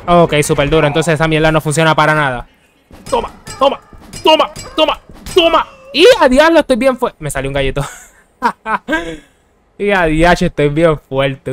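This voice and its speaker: A man commentating his own horror gameplay for his channel, talking straight to his viewers. He is excitable and quick to break into yelps and shouts. He is recorded close on a desk microphone. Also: mid-range voice, a little hiss or hum. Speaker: gaming channel host. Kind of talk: Let's Play commentary.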